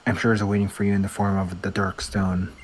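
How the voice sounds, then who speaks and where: A man reading video game dialogue as a calm, solemn young idealist rival in a measured way. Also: deep voice, slight background noise, lightly acted.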